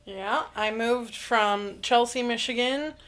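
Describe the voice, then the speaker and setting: Woman, 20s, from Indiana, podcast co-host. Fairly high voice, candid and chatty. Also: takes it slowly. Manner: candid, speeds up when excited. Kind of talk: casual chat.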